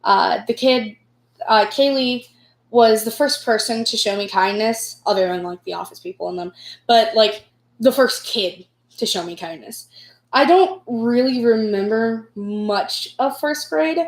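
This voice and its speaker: A woman's voice: fairly high pitch, unhurried. A young adult woman with an American accent telling personal stories casually, in a rambling, self-deprecating, giggly way. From United States. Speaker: vlogger. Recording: echoey room.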